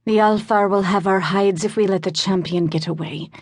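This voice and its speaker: A woman's voice: medium pitch, fairly even intonation, moderate pace, dry recording, studio quality, lightly acted. A woman doing a sing-song Welsh raven. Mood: warning. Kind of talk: audiobook narration.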